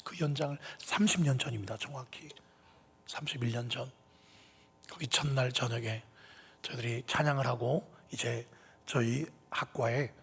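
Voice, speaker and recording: Husky-voiced pastor in an echoey church. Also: male voice, mid-range voice, a bit bright. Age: 50s. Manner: emotive storytelling that swells to impassioned peaks. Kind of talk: sermon with personal testimony. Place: church sanctuary. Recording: reverberant church hall.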